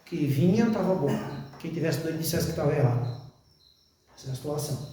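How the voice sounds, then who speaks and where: A man's voice: a little high, animated, fairly quick, warm tone, a little hiss or hum. A man preaching a sermon in church, folksy and questioning, calling his listeners brother. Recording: very echoey church, mic far off.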